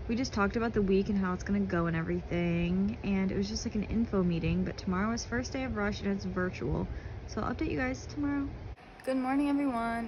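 A young woman in her late teens chatting casually to a vlog in colloquial sorority-girl style, saying "like" often. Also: medium pitch. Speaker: vlogger, college freshman. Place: small dorm rooms, indoors. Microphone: phone at arm's length. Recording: noisy handheld phone recording.

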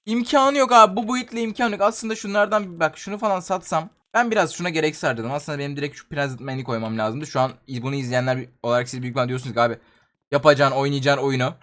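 A young man giving excited gameplay commentary, chatty and often exasperated, talking straight to his viewers on a desk mic. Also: mid-range voice, racing. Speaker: gaming YouTuber.

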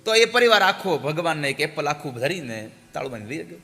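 A male preacher telling a devotional story in animated, exhorting sermon style. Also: fairly high pitch, fairly quick. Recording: hall reverb with faint music.

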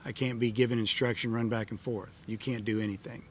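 Seated at a table microphone in a press room with a sponsor backdrop behind him, a middle-aged man who coaches baseball handles postgame questions from reporters. He talks briskly in a mid-range, level voice, matter-of-fact and full of fillers, with a little hiss or hum in the audio.

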